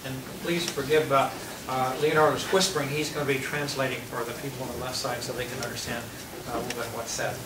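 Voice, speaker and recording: A man moderating a panel, brisk and courteous. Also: mid-range voice, level tone. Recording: roomy hall, distant mic, noisy.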